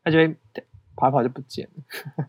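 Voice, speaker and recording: A young man with a Taiwanese Mandarin accent co-hosts a podcast, chatting casually and poking fun at himself while laughing often. His voice is fairly high and steady in tone, he talks a little fast, and the recording is dry.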